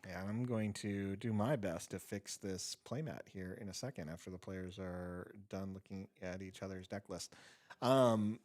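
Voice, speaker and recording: A man co-commentating a card game tournament, explaining play in a relaxed, upbeat way. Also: low-pitched, a little slow. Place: empty gaming room at a cafe.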